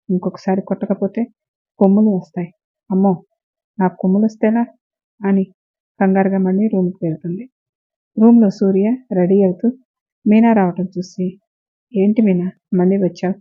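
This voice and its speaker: A woman hosting a story channel and narrating a story in a steady, flat tone. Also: medium pitch. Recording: tinny phone-like sound.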